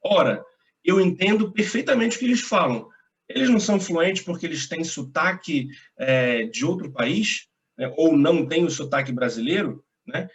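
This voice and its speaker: A man's voice: a little high, expressive, normal speed. A young man from Brazil giving a casual video lesson as an English teacher, chatty and reassuring, with slang and frequent tag questions.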